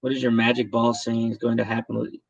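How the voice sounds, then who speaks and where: A man's voice: medium pitch, completely flat delivery, quick pace, vocal fry, slightly rough, muffled recording. A man hosting a casual livestream, talking in a chatty, rambling way with many restarts. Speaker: livestream host. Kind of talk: casual chat.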